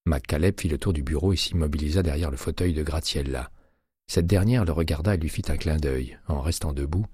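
Deep husky male audiobook narrator. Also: no room sound, studio quality. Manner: steady, measured reading. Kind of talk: scripted narration.

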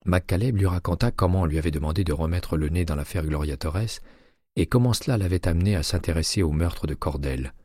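Low mellow guy reading an audiobook, even and steady, dry close sound. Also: slightly rough, no echo. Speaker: audiobook narrator. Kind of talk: scripted narration.

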